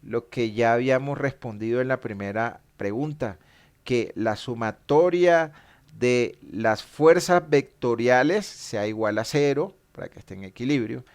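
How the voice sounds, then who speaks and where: Slow, patient male lecturer. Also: medium pitch, clear, resonant tone. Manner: slow, patient explaining, stops to correct mistakes. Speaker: teacher. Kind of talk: statics lecture to a class.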